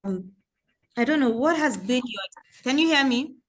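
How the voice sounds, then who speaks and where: A woman's voice: sits high, expressive, normal speed. Woman on a choppy, breaking-up video call. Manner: hesitant, many ums and restarts. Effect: choppy video call connection breaking up. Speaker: panel moderator. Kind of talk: online panel discussion.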